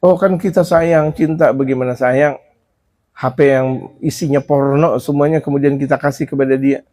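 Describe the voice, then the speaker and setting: A man preaching on a religious book, switching between Arabic recitation and lively, chatty explanation. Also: medium pitch, normal speed. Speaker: Islamic preacher. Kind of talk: sermon teaching a religious book.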